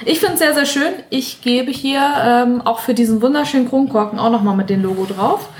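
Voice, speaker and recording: A woman's voice: a little high, fairly quick, slight background noise. Hesitant woman reviewing a beer bottle. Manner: hesitant, many fillers. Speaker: podcast guest reviewer. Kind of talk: casual chat.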